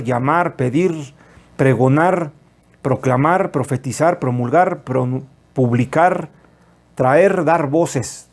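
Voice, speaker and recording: A man's voice: fairly high pitch, darkish tone. A man preaching an earnest, explanatory sermon to his online channel. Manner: earnest, explanatory, lists words. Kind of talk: sermon teaching.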